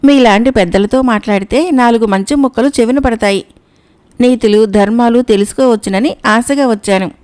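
A woman's voice: fairly high pitch, normal speed, darkish tone, smooth, close to an everyday voice. A woman voicing a sly male cat who poses as pious and meek, talking in a fawning, pleading way. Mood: pleading flattery. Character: sly male cat feigning holy meekness.

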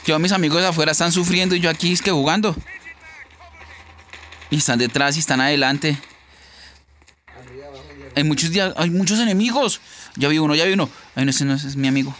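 A man's voice: a little high, fairly quick, long pauses, fairly bright tone, slight background noise. A man learning a mobile shooter game, panicking and exclaiming as he plays. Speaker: novice player. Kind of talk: excited gaming chat.

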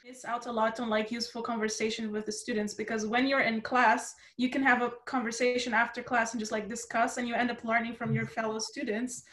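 A woman's voice: on the high side, level tone, fairly quick, few pauses, a bit bright. A young woman from Brazil, a first-year student, frankly venting in a casual video call chat. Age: young adult. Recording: roomy video call audio.

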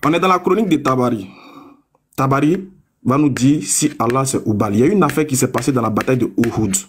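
A young man in a combative live-stream debate, taunting his opponents and reading a source text aloud slowly and deliberately. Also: medium pitch, slight background noise. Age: young adult.

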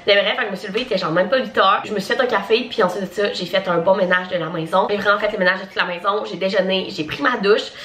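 A woman's voice: mid-range voice, steady tone, fast, hardly any pauses, fairly bright tone. A young woman with a Québécois French accent, chatting casually to camera in a vlog, with lots of fillers and asides. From Quebec, Canada. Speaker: vlogger.

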